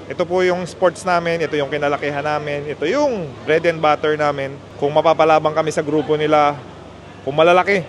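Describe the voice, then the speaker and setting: Brief: animated male host, high voice, faint street noise, casual storytelling. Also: fairly quick. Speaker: motorcycle club host.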